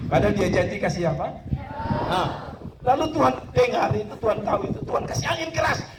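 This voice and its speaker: Animated preacher with a Kupang Malay accent. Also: male voice, sits high, a little fast. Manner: animated, calls out to the listeners. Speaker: pastor. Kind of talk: comic sermon storytelling. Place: large hall with an audience. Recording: echoey hall, distant mic, crowd noise.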